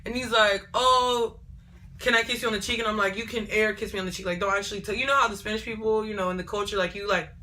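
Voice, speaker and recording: A young woman chats through a casual storytime vlog. Her voice is bright and forward, and she tells the story in an animated, digressive way, looping back over the same phrases. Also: medium pitch, quick pace. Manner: animated, digressive, repeats herself. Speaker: vlogger.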